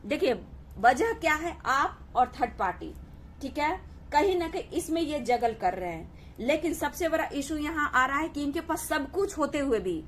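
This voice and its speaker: A woman's voice: high voice, animated, normal speed, a little hiss or hum. A woman giving a collective tarot reading, addressing viewers as "dear" and often repeating "okay" to reassure them. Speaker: tarot reader.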